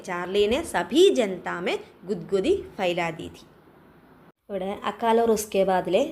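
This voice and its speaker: A woman teacher from Kerala giving an exam revision lesson. She reads lines slowly, asks her students questions, then answers them herself. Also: medium pitch.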